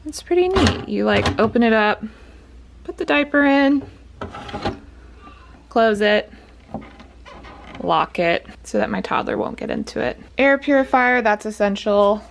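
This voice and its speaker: A woman's voice: on the high side, expressive, a little slow, creaky, pauses often, slight background noise. A pregnant woman, chatting casually on a home vlog and a little short of breath. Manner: chatty, upbeat, often laughs. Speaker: vlogger. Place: bedroom at home.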